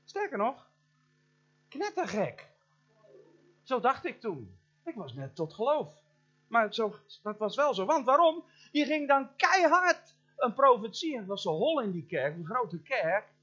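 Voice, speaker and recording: A man's voice: very high-pitched, a little slow. A middle-aged man preaching a storytelling sermon, speaking straight to the congregation and acting out sounds and voices from his story. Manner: animated, addresses the congregation directly. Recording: dull lo-fi church recording.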